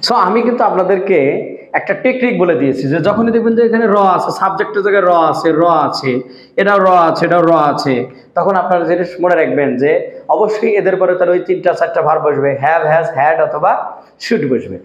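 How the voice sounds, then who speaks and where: Male teacher, high voice, drills points with repeated questions; roomy, muffled lo-fi recording. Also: fast talker. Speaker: English teacher. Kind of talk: spoken-language lesson. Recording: echoey room, dull lo-fi sound.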